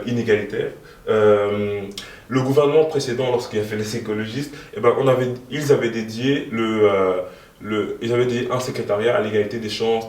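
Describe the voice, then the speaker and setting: A man's voice: mid-range voice, a little mellow. A young man in his twenties answering interview questions as a youth party co-president, speaking hesitantly with many fillers. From moved to Belgium in 2013. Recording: echoey room, from far off.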